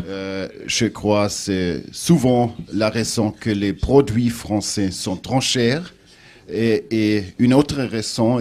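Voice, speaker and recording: A man with a German accent addresses a panel in broken French. His voice sits on the low side and moves very slowly, with frequent hesitations as he searches for words and trips over grammar. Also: darkish tone. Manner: halting, broken non-native French with grammatical slips and many hesitations. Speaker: panel speaker, international official. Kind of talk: prepared remarks at a panel discussion.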